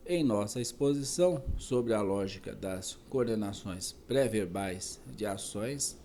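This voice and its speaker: Slow, dark-voiced man reading aloud. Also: lowish voice, animated, slight background noise. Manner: slow, careful reading with self-corrections and asides. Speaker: reader. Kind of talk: reading a philosophy text aloud.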